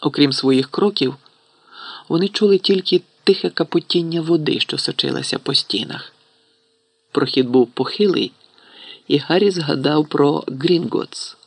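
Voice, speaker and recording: A man narrating a fantasy audiobook in a steady storytelling manner. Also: fairly high pitch, no echo. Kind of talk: scripted narration.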